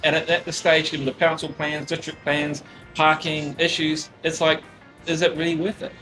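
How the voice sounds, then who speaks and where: A man in his fifties with a New Zealand accent, a guest in a casual interview, talking bluntly and briskly with many restarts. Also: on the high side, completely flat delivery, over music. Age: 50s.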